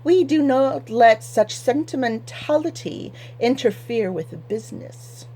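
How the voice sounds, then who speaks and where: Storybook read-aloud: woman reading as a nasal, prissy townsman, high and thin. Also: lively intonation, unhurried, mellow, slight background noise, rough recording. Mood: prim. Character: prim city man with a high nasal voice.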